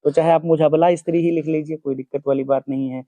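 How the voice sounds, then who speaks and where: A man teaching a Hindi poem to school students, giving each word's meaning slowly and repeating it so they can write it down. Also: fairly high pitch, steady tone, mellow, dry recording. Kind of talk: explaining poem word by word. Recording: dry, phone-like narrow sound.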